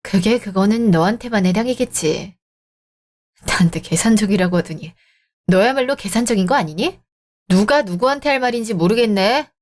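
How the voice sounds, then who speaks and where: A woman's voice: mid-range voice, normal speed, a little mellow. A woman acting the heroine in a radio drama, cold and cutting as she speaks.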